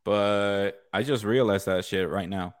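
A man's voice: lowish voice, a little slow, no echo, studio quality. A man co-hosting a casual sports talk stream in a laid-back frat-bro way, swearing freely and calling people dude.

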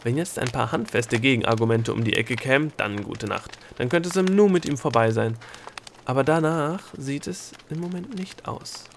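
An excitable bald gnome from a storybook, as a man reading aloud puts him on. He calls out eagerly, a touch higher and louder than the narration, full of nervous enthusiasm. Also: moderate pace, a little hiss or hum, close to an everyday voice. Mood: excited. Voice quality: hoarse laugh.

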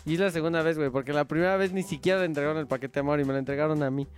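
Fast-talking young Mexican man. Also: fairly high pitch, faint music behind. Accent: Mexican Spanish. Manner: rapid, animated storyteller acting out voices. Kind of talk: casual chat.

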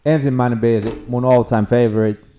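A man's voice: medium pitch, steady tone, crowd noise. A young man co-hosting a casual podcast, ranking songs and enthusiastically talking up his picks. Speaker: podcast co-host.

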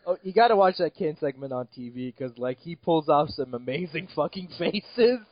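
A man's voice: fairly high pitch, lively intonation. A man co-hosting a casual wrestling chat in an informal, sweary way. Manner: informal, sweary, quick to chuckle. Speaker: podcast co-host. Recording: dull, dry, lo-fi audio.

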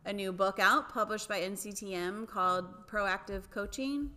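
A woman's voice: medium pitch, normal speed, bright, forceful tone, long reverb tail. A woman hosting a podcast, chatting casually and encouragingly with educator guests. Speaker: podcast host. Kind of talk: casual chat. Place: conference venue.

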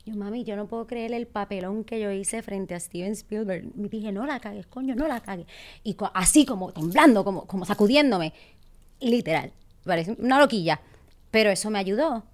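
A Puerto Rican woman in her thirties, speaking with a Puerto Rican accent in a medium-pitched voice at normal speed, appears as a guest in a casual chat. She tells a story with animation, laughing often and acting out what people said.

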